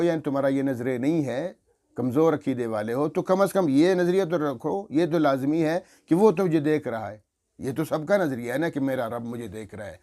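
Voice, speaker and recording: A male Quran teacher giving an earnest religious lesson, reciting prayer phrases slowly and deliberately as examples and correcting rushed recitation. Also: a little high, darkish tone. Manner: earnest, instructive, corrects by demonstrating.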